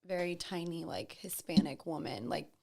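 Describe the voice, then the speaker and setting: A woman's voice: on the low side, normal speed, vocal fry, darkish tone. A woman co-hosting a casual podcast, asking questions in a chatty way, with many fillers. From Arizona, USA. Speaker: podcast co-host.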